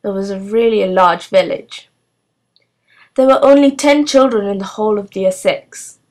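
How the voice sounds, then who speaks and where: A woman reading a children's novel aloud in a steady, clear storytelling manner. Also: mid-range voice, normal speed. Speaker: storybook reader.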